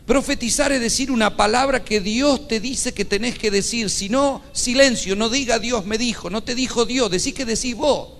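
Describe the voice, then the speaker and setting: A pastor preaches in an emphatic, repetitive style, driving his points home. His man's voice sits high for a man. It rings out with a long hall reverb, as in a church. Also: moderate pace, few pauses, a bit bright. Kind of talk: sermon.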